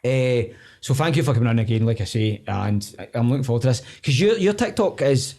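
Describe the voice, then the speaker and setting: Fast-talking Scottish man hosting. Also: mid-range voice, expressive, a little mellow. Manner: rapid, stumbling restarts. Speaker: podcast host. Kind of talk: casual chat.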